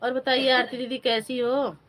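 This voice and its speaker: A woman's voice: sits high, level tone, moderate pace, fairly bright tone, slight background noise. A woman hosting a casual live stream on her phone, chatting with viewers, greeting them by name and asking for likes. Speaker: livestream host.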